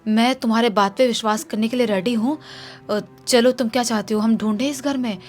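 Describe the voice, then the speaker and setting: A woman's voice: fairly high pitch, fairly even intonation, fairly quick, faint music behind, lightly acted. A woman voicing a husband who casually brushes off his wife's worries. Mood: dismissive. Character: dismissive husband, casual and reassuring.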